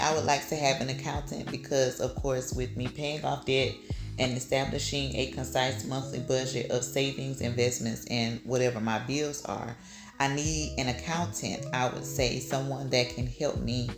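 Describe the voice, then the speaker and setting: A woman's voice: rumbling low, echoey room. A woman in her thirties talking casually about her goals, chatty and upbeat, with lots of ums. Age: 30s. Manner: chatty, filler-heavy, upbeat with laughs. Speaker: vlogger. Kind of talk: casual personal chat.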